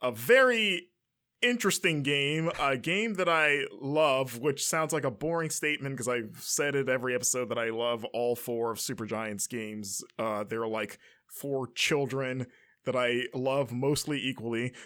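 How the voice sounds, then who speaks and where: A man's voice: medium pitch, measured pace, sharp tone. A man hosting a podcast in a casual, conversational style. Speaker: podcast host.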